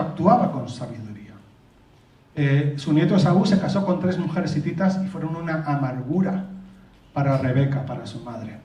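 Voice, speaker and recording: Spanish pastor, earnest sermon, mellow mid-high voice, distant mic in a reverberant church hall. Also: male voice. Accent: Peninsular Spanish. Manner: earnest and explanatory, asks the congregation if they follow. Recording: roomy, distant, dull lo-fi church recording.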